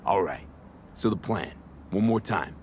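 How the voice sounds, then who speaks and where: A street-smart mercenary man in a video game. He speaks low, in terse, wary questions. A light rumble of vehicle ambience is behind him. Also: animated, a little slow.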